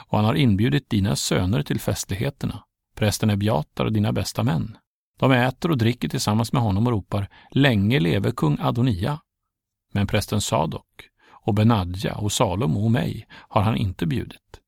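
Natan the old prophet, read by a man, presses his case in a low, deeply gravelly voice. He sounds urgent and worried, in a dry storybook telling. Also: darkish tone, no echo, exaggerated voice. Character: anxious older male prophet Natan.

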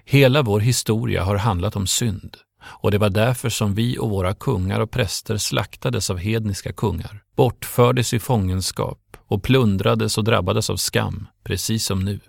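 A low, gravelly male voice reads scripture aloud in a steady, measured way. The sound is close and dry, with no room around it. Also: dry recording. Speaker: scripture reader. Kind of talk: scripted Bible reading.

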